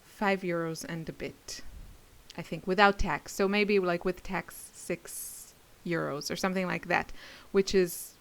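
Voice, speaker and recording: Speaking in a fairly low, gravelly voice with fairly even intonation, this woman talks a little slowly. She creates craft videos and teaches classes, and here she chats to camera for her viewers in a giggly, rambling way.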